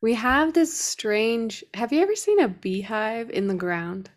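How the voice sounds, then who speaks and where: A woman's voice: fairly high pitch, expressive, measured pace. A young woman co-hosting a podcast, telling a story in casual chat with lots of "like" fillers. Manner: chatty storytelling with many "like" fillers. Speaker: podcast co-host.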